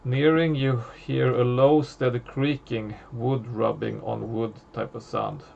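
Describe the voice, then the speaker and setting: A man narrating as game master of a tabletop horror game, halting, with many fillers and restarts. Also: medium pitch, flat delivery, gravelly, darkish tone, highs cut off, slight background noise.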